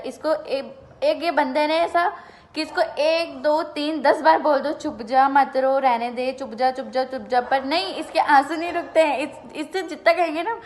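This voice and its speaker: A young woman chatting casually in a home vlog, telling stories in an animated way and repeating phrases for emphasis. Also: high voice. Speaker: vlogger. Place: at home, indoors.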